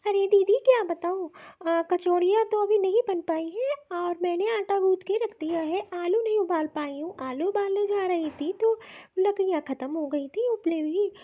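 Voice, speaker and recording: A woman's voice: very high voice, warm tone, highs cut off. Woman voicing an apologetic young daughter-in-law. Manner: explaining, apologetic.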